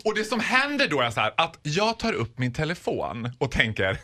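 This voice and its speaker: A man telling a comic story as a guest on a morning radio show, laughing often and acting out the people in it. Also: a little high. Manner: animated, laughs often, acts out other people's voices.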